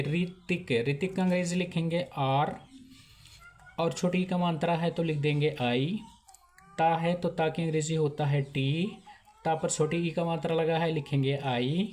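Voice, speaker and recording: A man teaching name spellings step by step, in a slow, repetitive way. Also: on the high side, a little mellow. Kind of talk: handwriting lesson.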